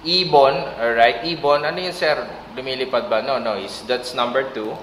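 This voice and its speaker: A man's voice: mid-range voice, moderate pace, a bit bright. Tired male teacher in an echoey room. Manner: talks with a tag "no?", mixing English. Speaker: Korean language teacher. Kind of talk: casual exam-prep lesson. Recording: echoey room with light hiss.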